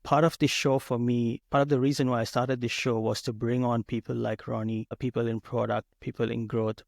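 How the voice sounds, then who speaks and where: A man's voice: mid-range voice, level tone, brisk, vocal fry, a little mellow, no echo, studio quality. A man hosting a podcast, introducing his guest eagerly and repeating words as he goes. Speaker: podcast host.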